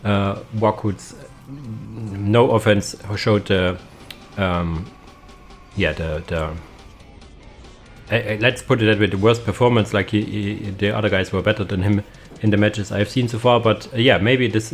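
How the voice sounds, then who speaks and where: A man's voice: lowish voice, measured pace, faint music behind. A young man giving casual, hesitant commentary on a strategy game match, with many fillers and restarts. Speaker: caster.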